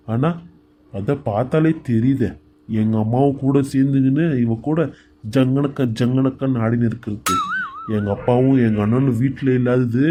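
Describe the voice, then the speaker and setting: A man's voice: mid-range voice, dark tone, slight background noise, lightly acted. A man voicing an indignant young husband who stands up to his mother in a cartoon serial.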